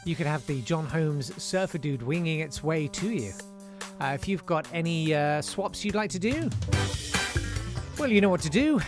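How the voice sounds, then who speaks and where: A man's voice: fairly high pitch, animated, normal speed, over music. A man hosting a live show in a casual, wry way, reading out listener messages with frequent hesitations. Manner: chatty, wry, many "uh" hesitations. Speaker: radio-style show host.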